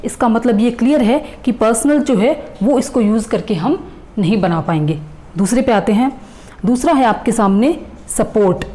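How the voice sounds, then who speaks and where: High-voiced, warm woman teaching. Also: animated, moderate pace. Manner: patient, addresses viewers as friends, repeats and spells out letters. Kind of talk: explanatory reasoning lesson.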